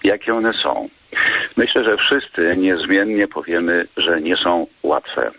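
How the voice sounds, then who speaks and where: Deep-voiced clergyman giving a halting radio reflection. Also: fairly bright tone, dry recording. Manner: measured, halting with frequent pauses and fillers. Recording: dull lo-fi radio sound.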